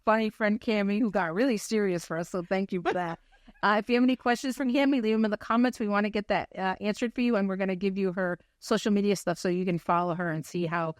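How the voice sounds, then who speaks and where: A woman's voice: mid-range voice, steady tone, quick pace, no echo, studio quality. A woman hosting an interview show, affirming and encouraging her guest. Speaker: podcast host. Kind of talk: interview chat.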